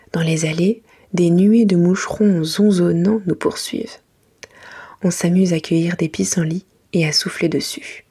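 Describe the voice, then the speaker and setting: Breathy woman whispering a bedtime story softly. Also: lowish voice. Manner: gentle, hushed like a library whisper, unhurried careful reading. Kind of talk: soft whispered ASMR reading of a children's bedtime storybook.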